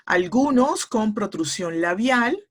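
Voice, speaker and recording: A middle-aged woman speech therapist, a guest in an interview, explaining in a measured, teacherly way with frequent hesitation fillers. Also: mid-range voice, animated.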